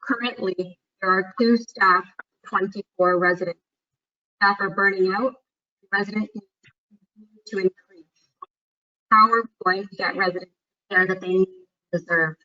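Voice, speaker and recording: A woman's voice: mid-range voice, fairly even intonation, moderate pace, pauses often, sharp tone. A woman moderating an online meeting and reading out viewer questions, her audio choppy and cutting out with dropped word endings. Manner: reads questions aloud from a chat box. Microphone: video call. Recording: muffled lo-fi video call audio.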